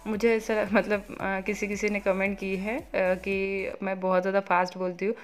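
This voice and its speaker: A woman in her thirties vlogging at home, talking quickly and chattily with many fillers as she cooks and does chores; her first language is Marathi. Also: mid-range voice, flat delivery, faint music behind. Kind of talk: casual home vlog, cooking and chores.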